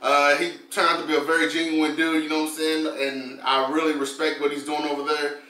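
High bright guy hyping his mukbang, slangy shout-outs, echoey room, mic kinda far. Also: little pitch movement, fairly quick. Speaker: host of a food review channel. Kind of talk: casual mukbang intro.

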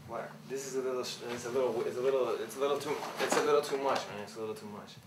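A man's voice: medium pitch, steady tone, very fast, roomy sound, background noise, natural voice. An actor in his twenties playing a flustered young son who stammers and restarts his sentences. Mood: uneasy. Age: 20s. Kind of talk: film drama acting.

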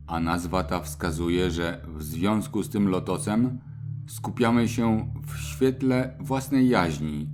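Slow deep-voiced man narrating over music. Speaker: meditation teacher. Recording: music clearly behind voice.

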